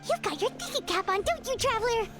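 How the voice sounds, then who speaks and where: A woman's voice: very animated, fast talker, heavily acted. A woman voicing a tiny, curious fairy companion in a video game who refers to herself by name in the third person. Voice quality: high squeaky childlike voice. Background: loud game music.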